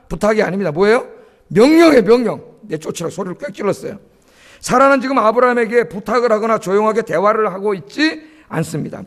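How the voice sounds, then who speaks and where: A man preaching a Sunday sermon as pastor. He often puts questions to the congregation, answers them himself, and adds a questioning "예?". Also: sits high. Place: church sanctuary.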